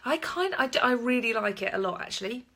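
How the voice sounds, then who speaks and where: A British woman chats candidly into her camera on a live stream, peppering her talk with fillers and the odd swear word. Her voice sounds bright and forward. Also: a little high, animated, fast, gravelly. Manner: candid, chatty, swears freely, many fillers. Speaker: birth practitioner hosting a live video. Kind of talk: casual live-stream chat.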